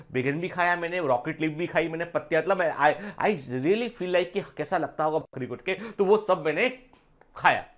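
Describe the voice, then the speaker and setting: A man's voice: high voice, fairly bright tone. A man teaching biology in an online exam-prep lecture, chatty, mixing English phrases into his talk and telling personal stories.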